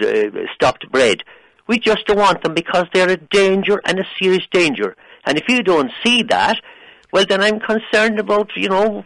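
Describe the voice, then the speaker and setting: A man's voice: high-pitched, a bit bright, no room sound, low-quality recording. An Irish man arguing on a radio phone-in in an opinionated, emphatic, condescending way. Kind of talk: heated phone-in debate.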